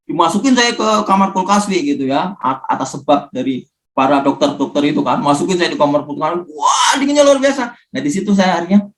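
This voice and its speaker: A man speaking in a casual talk, telling his own recovery story in an animated way and acting out the things people said to him. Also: fairly high pitch, a little fast.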